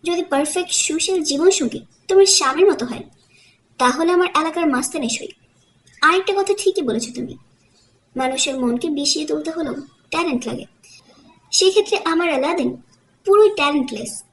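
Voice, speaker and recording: A woman's voice: high voice, a little fast, pauses often, a little hiss or hum. A woman voicing a proud young wife who scolds her family in cutting, bitter tones, in a romantic audiobook. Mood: icy scorn.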